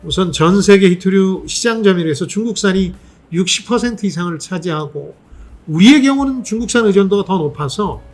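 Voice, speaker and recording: A man hosting his own channel, giving a measured economic commentary with rhetorical questions and frequent filler sounds. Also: sits high, expressive.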